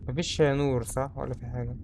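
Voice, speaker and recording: A man's voice: medium pitch, little pitch movement, fast, darkish tone, a little hiss or hum. A young man with an Egyptian Arabic accent, chattering through a horror game and saying he is scared. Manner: chatty, jumpy, easily spooked. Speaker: gamer. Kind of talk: let's-play commentary.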